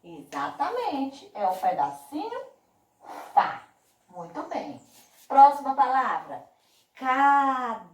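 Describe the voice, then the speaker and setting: A woman's voice: high voice, huge pitch swings, a little mellow, reverberant, recorded from a distance, highs cut off. Teacher woman stretching out words. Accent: Brazilian Portuguese. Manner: slow, drawn-out emphasis on words; affectionate, uses diminutives. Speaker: primary school teacher. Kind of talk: remote class video lesson.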